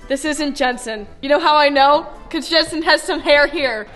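A young woman vlogs a blindfold challenge in a bright living room, chatting excitedly and casually while being giggly, dramatic, and quick to react. Her high-pitched, fairly bright voice comes through a low-quality recording with soft background music and a faint crowd.

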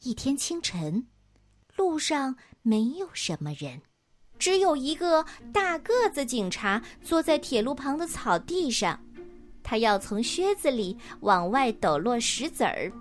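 A woman's voice: sits high, sing-song, unhurried, faint music behind. A woman narrating a children's story in a playful, sing-song storyteller's manner.

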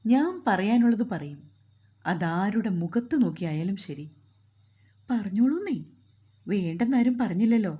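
A woman's voice: mid-range voice, expressive, unhurried, pauses often, warm tone, slightly rough, lo-fi sound. A woman storyteller voicing a playful young wife who teases and coaxes her husband. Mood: coaxing. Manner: coaxing, pleading, playful.

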